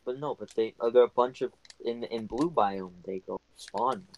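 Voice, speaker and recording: A man's voice: mid-range voice, normal speed, a little mellow. A man chatting casually with friends while playing a game, teasing and laughing often. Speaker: gamer. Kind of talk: casual gaming voice chat.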